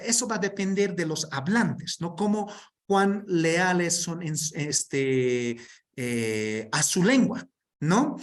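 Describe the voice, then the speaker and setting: Presenting an online workshop, a man with a voice on the high side reads through a term list explanatorily, often checking in with tag questions.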